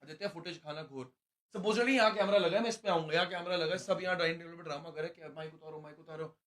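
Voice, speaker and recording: Young man, high voice, lively storyteller recounting a fight, acts out quotes. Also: fast talker. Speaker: reality show contestant recounting a fight. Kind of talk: animated storytelling chat.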